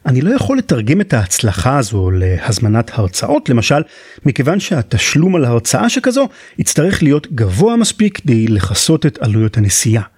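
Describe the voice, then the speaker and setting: A man's voice: medium pitch, darkish tone, husky, no echo, studio quality. An Israeli-accented man from Israel narrates a scripted podcast as its host, in an explanatory, articulate way.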